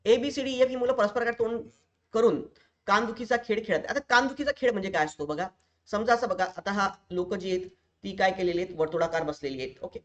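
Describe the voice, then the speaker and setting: A man's voice: high-pitched, quick pace, dull audio. A man teaching exam preparation in a recorded online lecture, explaining each step and speaking directly to his students.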